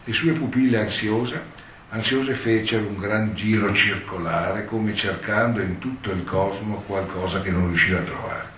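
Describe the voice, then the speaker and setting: Low-voiced male lecturer in an echoey hall. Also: moderate pace, pushed and bright. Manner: digressive, explanatory, with many asides. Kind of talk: lecture, reading and explaining a text. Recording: roomy hall, distant mic, faint noise.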